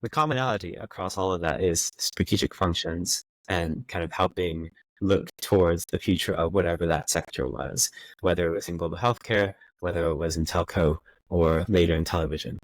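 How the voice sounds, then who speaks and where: Speaking fairly quickly in a low-pitched voice, a man from the United States in his thirties answers interview questions thoughtfully. His conversational replies are full of fillers and restarts, captured in a low-quality recording with no room sound.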